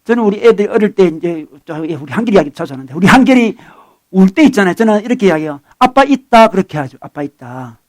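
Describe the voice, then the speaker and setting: A middle-aged man preaching a sermon as a pastor, conversational and animated, swinging between loud bursts and soft asides. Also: high-pitched, racing. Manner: acts out dialogue with his son.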